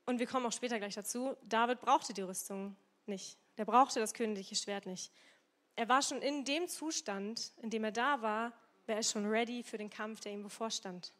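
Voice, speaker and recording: A woman preaching a casual, lively sermon, retelling a story and mixing in English words. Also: fairly high pitch, moderate pace. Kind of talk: youth sermon with Bible reading.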